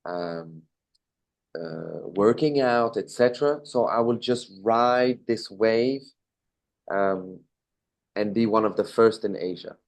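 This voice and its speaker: This interview guest is a business owner from Belgium in his thirties with a Belgian accent. His gravelly voice sits on the low side and moves at a slow pace as he answers casually, with fillers and self-corrections.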